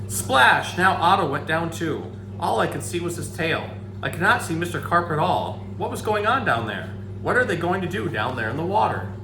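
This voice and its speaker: His voice sits on the high side, and he reads at a moderate pace with hardly any pauses, dramatizing a children's story and the dialogue in it. He breaks off for casual remarks to a pet, and the echoey room carries a background hum.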